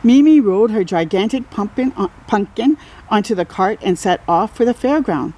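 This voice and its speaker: This read-aloud storyteller brings a picture book to life for young children, exclaiming, stretching key words and offering encouraging asides. Her voice is mid-range and dark in tone, with lively intonation and a moderate pace.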